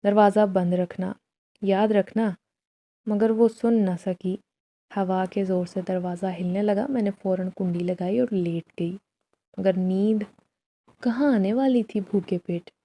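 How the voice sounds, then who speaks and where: A woman narrating a first-person horror story as a storyteller, in a slow, measured, solemn way. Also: medium pitch, mellow.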